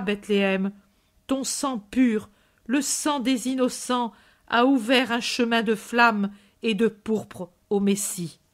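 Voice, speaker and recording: A woman's voice: mid-range voice, lightly acted. Compassionate male preacher, solemn and exhorting, read by a woman.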